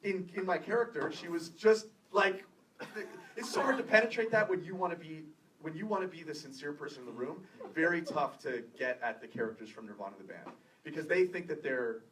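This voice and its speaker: A Canadian man in his thirties, a filmmaker guest at a screening Q&A, telling stories casually and animatedly, laughing and quoting people in lively voices. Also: fairly high pitch, a little fast, crowd noise. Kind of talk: casual Q&A storytelling. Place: theater after a screening. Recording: distant room recording with faint noise.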